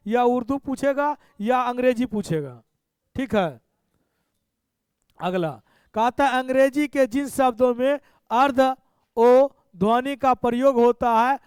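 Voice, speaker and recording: A male teacher runs through exam questions, coaxing and repeating each answer. His voice sits very high, smooth and resonant. The sound is close and dry. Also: no echo. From Bihar, India. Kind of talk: exam-prep lesson.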